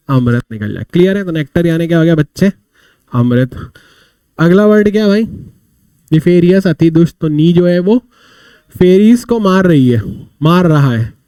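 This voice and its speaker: A man's voice: high-pitched, warm tone, no room sound. A man teaching a vocabulary class, telling little stories to explain words and asking and answering his own questions. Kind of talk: live online vocabulary class.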